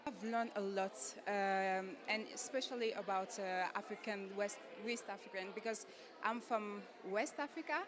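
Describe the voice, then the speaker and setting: Woman, mid-pitched voice, halting answers, crowd noise behind. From Senegal. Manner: hesitant, searching for words with many fillers. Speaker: beauty pageant contestant. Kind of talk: media interview answers.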